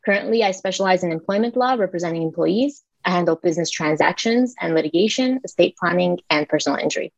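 A woman in her thirties with a gravelly edge to her voice, speaking in a composed, articulate way as a guest. The recording is dry and close, with a slightly dull, lo-fi tone. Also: lowish voice, lively intonation, quick pace, few pauses, no echo. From Lebanon. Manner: composed, articulate self-introduction. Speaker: attorney, podcast guest. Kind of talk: casual interview.

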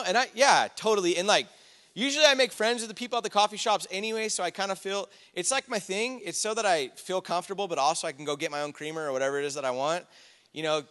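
A man's voice: on the high side, a bit bright. A man, preaching a casual, conversational sermon with personal stories, chatty asides and fillers. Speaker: pastor. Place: church sanctuary. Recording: church hall with long reverb.

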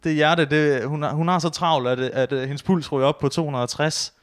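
A man's voice: fairly high pitch, steady tone. A young man and new father, co-hosting a podcast in loose, joking banter with casual swearing.

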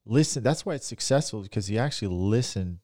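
A man in casual chat, talking earnestly in a halting way with many restarts. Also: lowish voice, animated, mellow, no room sound, clean studio sound.

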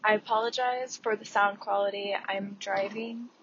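Woman on a low-quality earbud mic. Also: fairly even intonation, moderate pace, fairly bright tone. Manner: hesitant and rambling, with many fillers. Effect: low-quality earbud-mic sound. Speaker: podcast host. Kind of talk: casual reflective podcast monologue. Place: inside a car while driving. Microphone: wireless earbuds. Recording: dull lo-fi earbud mic in a car.

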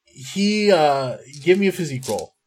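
A man narrating as game master in a tabletop game podcast, relaxed and full of ums. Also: fairly high pitch, moderate pace.

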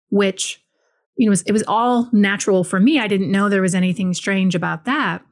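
A woman from Hawaii, a spiritual teacher appearing as a podcast guest, tells her life story in interview form. She speaks calmly, reflectively and earnestly in a mid-range voice.

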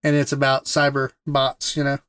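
A man's voice: mid-range voice, monotone, normal speed, a bit bright, clean tone, no echo. A man co-hosting a gaming podcast in casual chat, easygoing, repeating words and laughing often. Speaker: podcast co-host.

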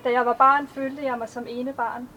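A woman reading her own poems aloud at a live event, in a slow, measured recital. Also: high voice, flat delivery, pushed and bright, a little hiss or hum, poor audio. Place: outdoor festival stage.

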